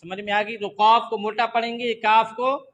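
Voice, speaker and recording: Guy teaching quran letter sounds, high voice, stretches letters out loud, muffled lo-fi recording. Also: slight background noise. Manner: demonstrates letters loudly, drawn out, then explains calmly.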